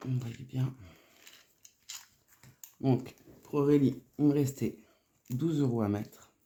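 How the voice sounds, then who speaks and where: Woman, sick swollen-tonsils voice, slow pace, halting murmured counting, casual budget host, faint noise with rustling and clicks. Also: a bass voice, dark tone. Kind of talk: casual narration of cash budgeting, counting aloud. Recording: noisy, with clicks and paper rustling.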